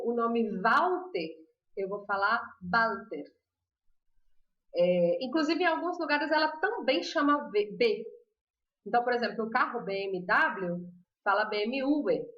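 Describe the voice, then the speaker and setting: A woman with a Brazilian accent teaching Spanish pronunciation in a casual live stream, chatty and laughing often, reading viewer comments aloud. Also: medium pitch. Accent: Brazilian Portuguese. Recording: roomy, slightly dull live-stream audio.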